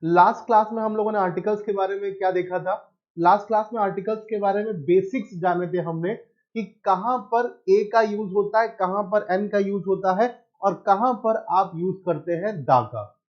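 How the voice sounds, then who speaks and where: A man's voice: sits high, normal speed, highs cut off. A male teacher giving an online exam-prep lesson, asking questions and answering them himself, mixing English phrases into his explanation.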